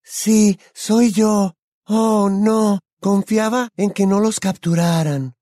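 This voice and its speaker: A man voicing a dreamy teenage girl in an audiobook, speaking softly and slowly. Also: high voice, no room sound, studio quality, pitched above the performer's own voice. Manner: soft, slow, calm.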